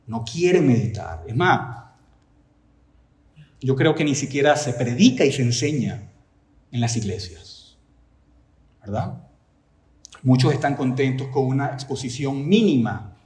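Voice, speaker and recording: A man's voice: medium pitch, a little mellow, echoey room. A male pastor preaching a sermon with emphasis, often posing rhetorical questions and saying "right?" to his listeners.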